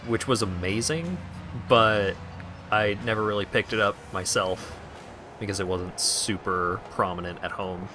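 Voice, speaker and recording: A man's voice: lowish voice, a little slow, pushed and bright, soft background music. A man from Canada chatting casually while streaming a game, laughing often and poking fun at himself. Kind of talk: casual gameplay commentary.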